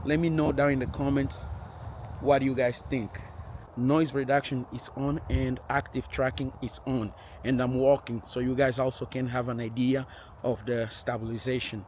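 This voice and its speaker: A man's voice: medium pitch, level tone, normal speed, darkish tone. A man vlogging outdoors, recorded on a camera's built-in microphone with noise reduction artifacts, chatting casually to viewers. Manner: chatty, addresses the viewers directly. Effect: noise reduction artifacts from the camera's processing. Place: outdoors, windy.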